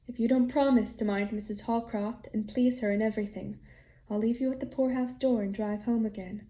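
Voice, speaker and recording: A woman's voice: on the high side, fairly even intonation, warm tone, lightly acted. A woman reading as a gloomy, stern old farmer. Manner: brooding, halting, gloomy. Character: gruff older male farmer, bitter and stern.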